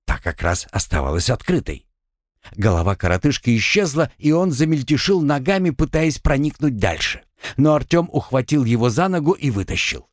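A man narrating a fiction audiobook with expressive storytelling. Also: medium pitch, moderate pace, no echo, clean studio sound. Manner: expressive storytelling with acted dialogue.

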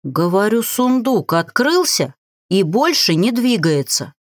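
A woman's voice: medium pitch, sing-song, slow pace, dry recording, clean studio sound. A woman doing a cowardly crow familiar. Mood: anxious. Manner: nervous, reproachful.

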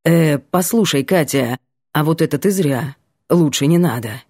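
A woman reading an audiobook, voicing a rude, gruff young male student who talks brusquely and threatens. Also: low voice, a little slow, darkish tone, no room sound, clean studio sound, voice pushed down. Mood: wary.

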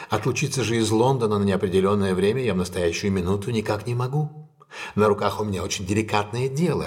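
Man as Sherlock-type detective: low voice, measured, probing, courteous but commanding, for radio play. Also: lightly acted. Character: composed, decisive gentleman detective, shrewd and courteous. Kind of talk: audio drama acting.

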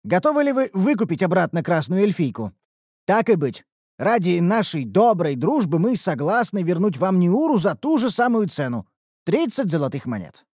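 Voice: mid-range voice, big pitch swings, moderate pace, darkish tone, breathy edge, no room sound, studio quality, voice pushed up. A narrator voicing a stern, indignant male blacksmith master who lectures and bargains in an audiobook. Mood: bargaining. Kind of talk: audiobook character voice.

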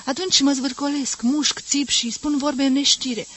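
A woman's voice: high voice, steady tone, fairly bright tone, voice pushed up. A woman reading as a blunt, cynical young wife. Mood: boastful. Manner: blunt, earnest questioning. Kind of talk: audiobook character reading.

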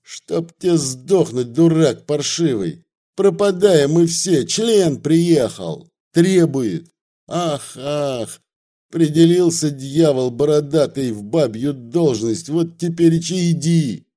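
A stout, fawning village peasant man rattles on in rustic, obsequious speech, as a man reading a story puts him on. The voice sits noticeably higher and louder than the reader's own, with a mellow, warm color. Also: expressive, slow. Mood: agitated.

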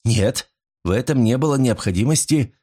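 A man's voice: mid-range voice, lively intonation, moderate pace, dark tone, breathy edge, voice pushed up. A man voicing an earnest, good-natured young man who speaks politely.

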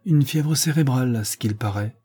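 A man reading aloud voices a chatty middle-aged society lady, lifting his pitch as she gossips. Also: moderate pace, dark tone, breathy edge, close to an everyday voice. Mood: gossiping.

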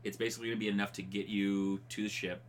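A man's voice: fairly low pitch, flat delivery, racing. A man running a tabletop game as game master, narrating the action casually. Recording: faint room noise.

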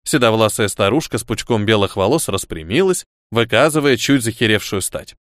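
Male audiobook narrator, expressive first-person reading, lively intonation, dead-dry studio sound. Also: lowish voice, fairly quick, no room sound.

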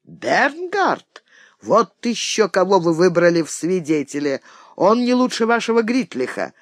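A man's voice: high voice, animated, normal speed, no room sound, studio quality. A man voicing a boastful, hot-headed knight who blusters at his host in a read-aloud novel. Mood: blustering.

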